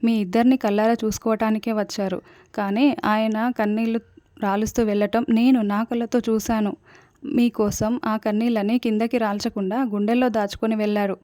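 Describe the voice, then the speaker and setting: A woman's voice: fairly high pitch, little pitch movement, a little fast, warm tone, no echo, clean studio sound, close to an everyday voice. A woman reading the lines of a solemn, reproachful family man. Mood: sorrowful.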